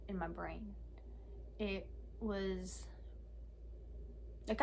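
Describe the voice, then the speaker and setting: An eighteen-year-old woman talking candidly in a casual vlog, halting often with fillers and pauses. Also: mid-range voice, a little hiss or hum. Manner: candid and soft-spoken. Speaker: vlogger. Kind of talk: casual personal vlog talk.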